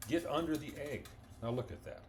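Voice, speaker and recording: A man's voice: fairly high pitch, animated, fairly quick, background noise. A man giving a folksy, enthusiastic cooking demonstration in a home kitchen, talking with his mouth full as he eats.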